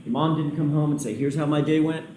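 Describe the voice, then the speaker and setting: A man's voice: on the high side, fairly even intonation, fast talker, a little mellow. A man cross-examining a witness as a defense lawyer, pointed and insistent in his questioning. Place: large indoor courtroom. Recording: echoey courtroom feed, faint noise.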